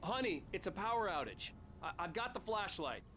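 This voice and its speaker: An actor playing a male writer who gently reassures his wife and tells her a childhood story. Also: sits high, big pitch swings, moderate pace, a little hiss or hum, heavily acted. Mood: reassuring.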